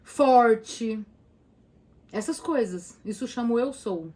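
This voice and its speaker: A woman's voice: on the high side, animated, moderate pace. A woman therapist with a Brazilian Portuguese accent, talking casually and emphatically to viewers and asking them direct questions. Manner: emphatic, speaks straight to the listener with rhetorical questions. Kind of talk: casual talk to viewers about anxiety.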